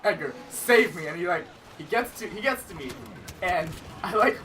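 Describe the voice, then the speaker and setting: A young man in casual gaming chat, telling a story with animation and acting out his own panicked shouts. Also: sits high, animated, moderate pace. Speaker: cast member telling a story. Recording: voice a little distant from the mic, faint hiss.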